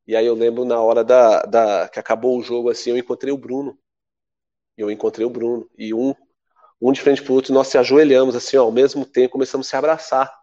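A Brazilian man in his forties, a guest telling a story in a casual, lively way and acting out what people said. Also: fairly quick, muffled recording. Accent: Brazilian Portuguese. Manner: lively, acts out quoted voices with big pitch jumps. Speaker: podcast guest, former athlete.

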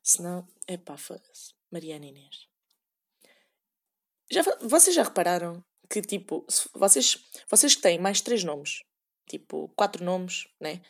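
A woman's voice: lowish voice, animated, moderate pace. A young woman with a European Portuguese accent, rambling sarcastically in a casual solo podcast and acting out quoted voices. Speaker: podcast host.

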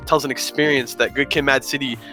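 A man in his twenties chatting casually as a podcast host, animated and full of "like". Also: medium pitch, brisk, faint music behind. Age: 20s. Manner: animated, lots of "like". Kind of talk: casual chat.

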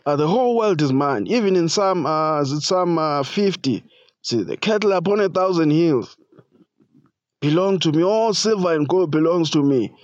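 A man preaching a casual sermon as a pastor, halting, with many fillers like "you know" and slangy asides. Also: a little high, a little mellow, no echo, lo-fi sound.

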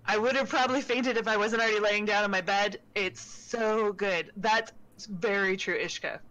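Woman, casual streamer chat, animated, bright tone. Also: mid-range voice, moderate pace, poor audio. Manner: animated, enthusiastic.

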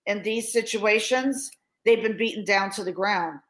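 Hosting an interview on her podcast, a woman speaks at a measured pace in a mid-range voice. Warm and encouraging, she keeps affirming her guest, and her long questions come with restarts.

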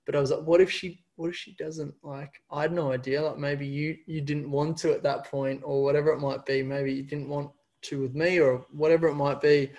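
A man's voice: on the high side, little pitch movement, fairly quick, few pauses, darkish tone. A young man telling a personal story in casual chat. He stumbles and repeats words often as he talks.

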